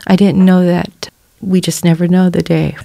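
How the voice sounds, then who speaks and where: A woman's voice: fairly low pitch, flat delivery, moderate pace, vocal fry, warm tone, no room sound. A middle-aged woman giving an earnest personal testimony as a guest on a church podcast, acting out the voices she quotes.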